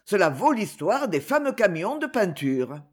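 A woman's voice: medium pitch, big pitch swings, moderate pace, darkish tone, breathy edge. A woman reading the part of a proud, suspicious young king in an audiobook novel. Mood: delighted.

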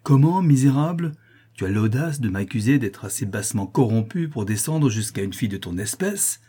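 A man voicing a hypocritical rich notary who shouts outraged accusations in a storybook reading. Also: lowish voice, moderate pace, breathy edge. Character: hypocritical rich male notary, indignant, cruel.

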